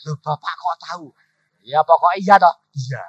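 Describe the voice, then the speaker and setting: A man's voice: normal speed, breathy edge, dry recording. A middle-aged man preaching a storytelling sermon, acting out quoted dialogue and often addressing the congregation directly. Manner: animated, acts out quoted dialogue with sudden loud high bursts; addresses the congregation repeatedly as "saudara". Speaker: evangelist preacher. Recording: dull, dry sound.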